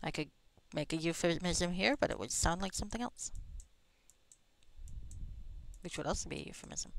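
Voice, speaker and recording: This game streamer has a gravelly, lowish voice with lively intonation and a normal pace. She comments casually on her gameplay, reads dialogue aloud, and muses wryly to herself with plenty of swearing.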